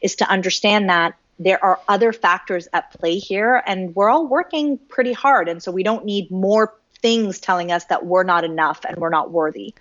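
A woman's voice: medium pitch, moderate pace, few pauses, dry recording, lo-fi sound. A woman from Canada giving an interview, talking casually and animatedly, with lots of "like". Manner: animated, uses "like" often. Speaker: guest.

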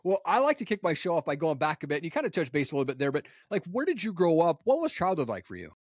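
A man's voice: on the high side, wildly swooping pitch, fast, breathy edge, no room sound, studio quality. A man hosting a podcast interview in an upbeat, matey, casual way. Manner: upbeat, matey, laughs along. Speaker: podcast host.

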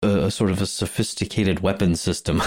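Low-voiced chuckling man rambling on a podcast. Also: fairly even intonation, brisk. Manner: rambling, chuckling, many restarts. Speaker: podcast co-host. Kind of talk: casual chat.

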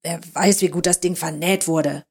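A woman's voice: fairly low pitch, steady tone, normal speed, darkish tone, husky. A woman reading the part of an irritable male police inspector, scolding in a raised voice. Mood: angry.

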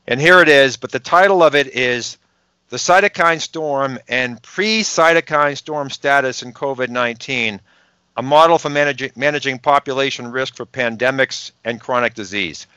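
A man's voice: mid-range voice, normal speed, bright, forceful tone, clean tone, no room sound. A man with a Boston accent, a podcast guest explaining health research in an emphatic way and asking rhetorical questions. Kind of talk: explanatory interview talk.

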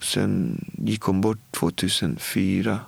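A man in his forties with a fairly low voice tells a personal story in a casual, heartfelt way, full of everyday filler words and quoted exchanges. He is recorded close and dry, with no room sound. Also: vocal fry, husky, no echo. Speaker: guest.

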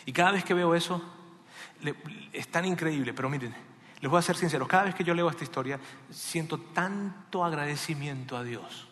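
Pastor, bright forceful voice, dramatic sermon delivery, echoey hall. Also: male voice, on the high side, moderate pace. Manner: passionate, dramatic swings in loudness.

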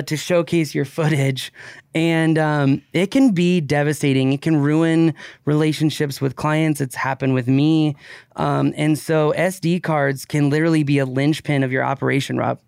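A man's voice: mid-range voice, gravelly, clear, resonant tone, no echo, clean studio sound. A man co-hosting a podcast, chatting casually and rambling a little, with restarts. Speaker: podcast co-host.

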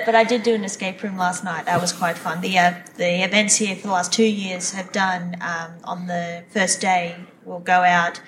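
A woman with a gravelly voice, worn from emceeing, chatting casually in an interview as an event organizer. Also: on the low side, fairly bright tone, slight background noise, poor audio.

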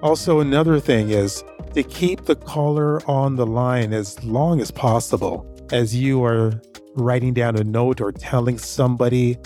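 A man's voice: medium pitch, steady tone, measured pace, dark tone, faint music behind. A man hosting a story podcast, telling a personal anecdote in a casual, rambling way that repeats itself. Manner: rambling, repeats himself, conversational. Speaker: podcast host.

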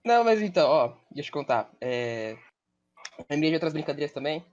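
A young man, joking quickly in street slang as a podcast guest. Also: on the high side, sing-song, a little mellow. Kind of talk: casual storytelling chat. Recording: dull lo-fi audio.

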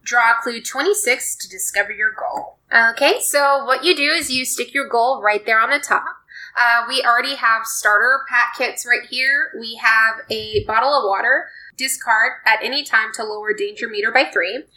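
A woman's voice: on the high side, normal speed, pushed and bright, poor audio. A woman playing a tabletop story game with friends, reading the story cards aloud and explaining the rules.

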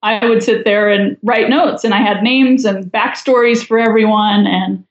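A woman's voice: medium pitch, steady tone, normal speed, echoey room, highs cut off. A woman guest in a casual podcast chat, talking with a wry, chatty, judgmental humor.

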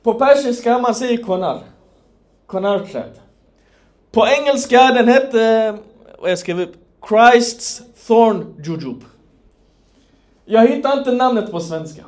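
High-voiced man preaching in an echoey room. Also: expressive, long pauses, darkish tone. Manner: explains terms and asks the audience questions. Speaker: Islamic preacher. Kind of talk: religious lecture.

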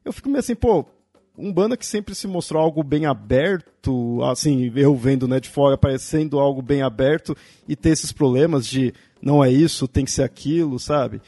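A man's voice: mid-range voice, moderate pace, mellow, no room sound, clean studio sound. A Brazilian man hosting a podcast interview, thinking aloud hesitantly with many fillers. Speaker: podcast host. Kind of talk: casual conversational interview.

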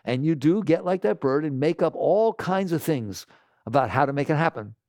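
A man giving an animated talk to an audience, scolding and asking rhetorical questions. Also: on the high side, moderate pace, no room sound, clean studio sound.

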